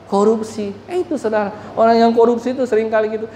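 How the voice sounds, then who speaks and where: A man's voice: high-pitched, fairly even intonation, quick pace, dark tone. A man preaching a sermon as pastor, joking and putting questions to the congregation. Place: church hall. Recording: echoey church hall, faint room noise.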